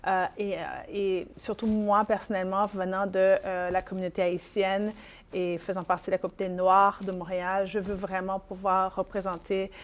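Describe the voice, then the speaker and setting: Quebec French woman, measured and hesitant. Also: mid-range voice, little pitch movement. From Haiti. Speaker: family lawyer, guest. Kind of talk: conversational interview.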